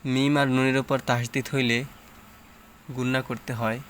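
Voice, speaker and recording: A man's voice: medium pitch, level tone, normal speed, fairly bright tone, a little hiss or hum. A man teaching Quran reading, sounding out syllables one at a time and explaining the tajweed rules patiently. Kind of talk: tajweed lesson, syllable-by-syllable recitation.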